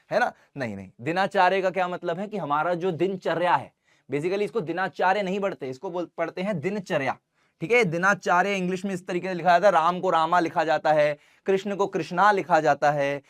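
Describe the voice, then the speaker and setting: A young man teaching an online science class, chatty and informal with his students, reading English lines slowly and deliberately. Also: high-pitched, a bit bright. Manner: chatty, addresses students as bhai and beta.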